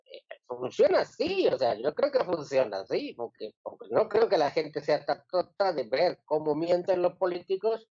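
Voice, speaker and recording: A man's voice: on the high side, big pitch swings, moderate pace, darkish tone, husky, no echo, highs cut off. A man reasoning aloud in political analysis on a radio panel, checking in with listeners as he goes. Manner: reasoning aloud, tags lines with "¿sí?" and "¿eh?".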